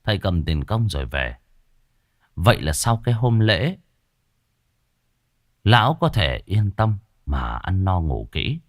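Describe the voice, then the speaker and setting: A man narrating a horror story in a dramatic, expressive way, recorded on a close mic. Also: low voice, slow, long pauses, no echo.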